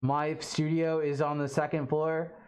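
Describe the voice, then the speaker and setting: A streamer from Alabama chatting casually on a livestream from a home studio, halting and rambling with many fillers and restarts. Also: mid-range voice, flat delivery, darkish tone, slight background noise. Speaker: livestream host.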